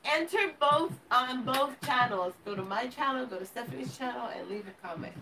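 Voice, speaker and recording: A woman of about thirty from Los Angeles, with an American accent and a high, expressive voice, hosts a casual livestream chat for viewers from her home kitchen. She talks at normal speed. The camera sits a few feet away, so the pickup is roomy and distant, with music and background noise.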